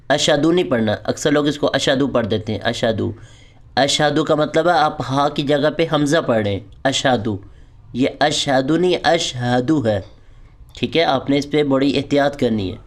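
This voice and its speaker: A man with a mid-range voice runs an online lesson in reciting prayers. He walks through every point with patience before chanting long, drawn-out model lines for the class to repeat.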